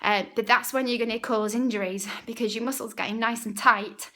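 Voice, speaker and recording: Bright-voiced woman coaching a workout. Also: on the high side, steady tone, fairly quick. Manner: upbeat, chatty instructing with frequent okays. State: out of breath. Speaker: fitness instructor. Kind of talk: casual workout vlog.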